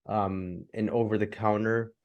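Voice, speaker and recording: A man hosting a podcast who reads a scripted intro and then asks questions in a relaxed way. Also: fairly low pitch, measured pace, dry recording, dull audio. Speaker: podcast host.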